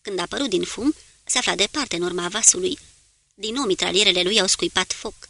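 Bright-toned woman narrating an audiobook. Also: medium pitch. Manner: steady, measured storytelling.

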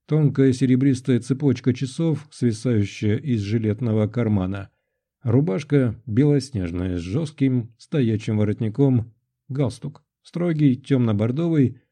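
Very dark-voiced male audiobook narrator. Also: medium pitch. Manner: calm, measured storytelling. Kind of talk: scripted first-person narration.

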